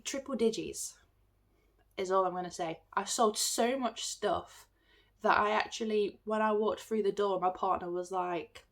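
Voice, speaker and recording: An English woman with a bunged-up, swollen-throat sound, chatting casually and ramblingly to her phone as a self-deprecating vlogger. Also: medium pitch. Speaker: artist and craft market seller vlogging. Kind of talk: casual chat to camera. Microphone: phone filming.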